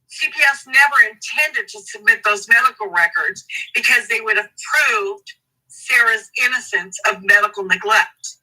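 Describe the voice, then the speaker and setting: A woman advocate in an interview, speaking emphatically and indignantly, slowing down to stress key words. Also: medium pitch, pushed and bright, husky, far from the mic, low-quality recording. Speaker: advocate for a family in a custody case. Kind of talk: interview guest, reading court documents.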